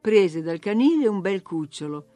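A woman narrating a novel in a measured, even reading. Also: mid-range voice, faint music behind. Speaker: audiobook narrator. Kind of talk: scripted literary narration.

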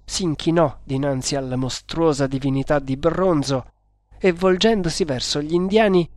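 A man reading an adventure novel aloud in a measured, dramatic storytelling manner. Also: on the high side, darkish tone, dry recording. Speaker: narrator. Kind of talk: audiobook reading. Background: faint music.

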